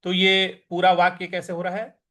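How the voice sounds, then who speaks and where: A man teaching Sanskrit verse recitation, chanting lines slowly and then explaining pronunciation quickly. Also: sits high, monotone, fairly bright tone. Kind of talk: recitation lesson.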